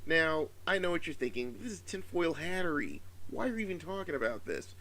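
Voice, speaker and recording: Man with sore throat, very animated pitch. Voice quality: slightly subdued, sore-throated voice. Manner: profane, exasperated, halting with emphatic stresses. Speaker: solo video commentator. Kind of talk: casual opinion vlog, rambling commentary.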